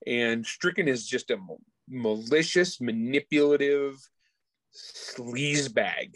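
Slow and medium-pitched, this guest author discusses his own book in an easygoing interview with no room sound. He speaks informally with slang, often breaking off to begin sentences again.

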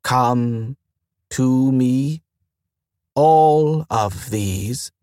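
A man voicing a frightened, newly awakened station mind that speaks in slow, oddly spaced words. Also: mid-range voice, darkish tone, smooth, dry recording, studio quality. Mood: panicked. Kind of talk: audiobook character voice.

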